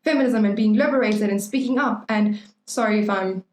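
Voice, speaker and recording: A woman's voice: medium pitch, fairly quick, a little mellow. A young adult woman co-hosting a podcast, chatting casually in a rambling, playful way with lots of "like". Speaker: podcast co-host. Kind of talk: casual chat. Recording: roomy echo.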